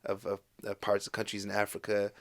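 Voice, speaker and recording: A young man from Morocco who was raised in the United States tells stories loosely as a guest on a casual podcast. He talks a little fast in a lowish voice, rambling with heavy fillers and doing lively voices for the people he quotes.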